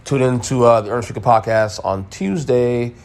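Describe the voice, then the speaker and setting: A man's voice: mid-range voice, moderate pace, darkish tone. A man hosting a sports podcast, giving a casual, emphatic recap with blunt opinions and repeated points. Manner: emphatic, opinionated, repeats himself, mild swearing.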